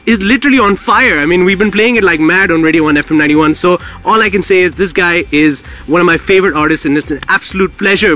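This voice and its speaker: Bright, high-voiced male radio host. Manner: hype-filled, repetitive, slangy. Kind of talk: live radio interview, effusive hosting.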